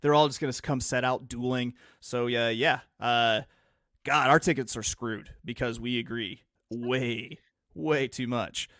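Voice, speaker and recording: A man's voice: mid-range voice, steady tone, measured pace, a bit bright, no echo. A man hosting a casual podcast talks through his picks. He thinks aloud, often restarting his sentences, and sounds easygoing rather than polished. His mid-range voice is recorded close with a dry, dead sound. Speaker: podcast host and horse racing handicapper.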